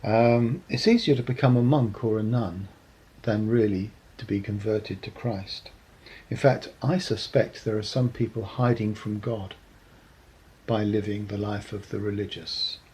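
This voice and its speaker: A man giving a reflective sermon talk, measured and earnest, often pausing with ums. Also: lowish voice, fairly even intonation, dark tone, husky, poor audio. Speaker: preacher.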